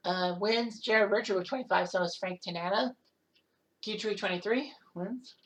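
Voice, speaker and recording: A woman hosting a casual recap of a simulated baseball season, reading off league leaders with quick asides and self-corrections. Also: medium pitch, fairly bright tone, rough recording. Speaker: host. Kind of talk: casual game stats recap.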